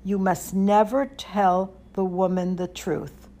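A woman voicing a humble, quiet holy man in a storybook, speaking softly and briefly. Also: mid-range voice, little pitch movement, slow. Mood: gentle. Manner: soft, meek, few words.

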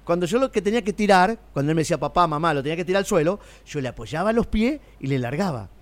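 Argentine circus guy rattling off stories fast, slightly high voice. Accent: Argentine Spanish. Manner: animated, rapid storytelling. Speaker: circus owner and former announcer. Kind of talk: casual storytelling interview.

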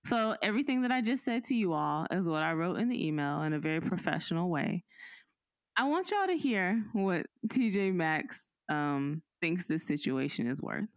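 A woman with a low voice tells a story in relaxed podcast chat. Her pitch swings widely as she acts out each person in it. The sound is close and dry, with no room echo. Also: normal speed. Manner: animated, acts out the people in the story. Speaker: podcast cohost.

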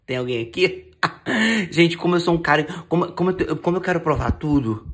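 A man's voice: on the high side, animated, fairly quick, background noise. A man with a Brazilian accent giving a casual, playful English lesson, repeating phrases and switching between Portuguese and English. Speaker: English teacher.

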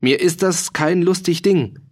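A man's voice: mid-range voice, unhurried, lightly acted. A man voicing a grave, worried peasant judge with a dialect, earnest and stern.

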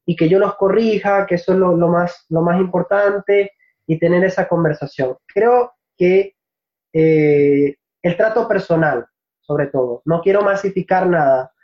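A man from Venezuela with a high voice talks about teaching Spanish in a relaxed interview. He is reflective, often pauses to find the right word, and laughs easily. The recording is dull and lo-fi. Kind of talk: casual interview answers.

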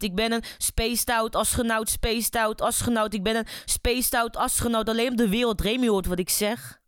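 Dutch woman poet, intense rhythmic spoken word, slightly high pitch, dry close recording. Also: no room sound. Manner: intense rhythmic recitation with repeated refrains. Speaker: poet guest.

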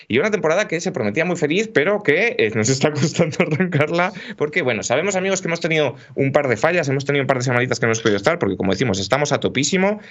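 A man with a Spain Spanish accent hosting a casual live-stream podcast, joking and animated as he chats and laughs. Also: medium pitch, dull audio. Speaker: host.

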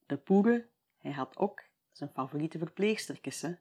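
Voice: mid-range voice, lively intonation, a little slow, a little mellow, breathy edge. A storyteller with a Flemish accent, telling a local tale in a chatty, folksy way, often adding a tag at the end of sentences.

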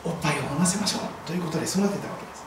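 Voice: mid-range voice, very fast, background noise. Pastor preaching in an echoey hall. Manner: vivid storytelling, dramatizes scripture scenes. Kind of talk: sermon. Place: church hall. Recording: very echoey hall, voice far from mic.

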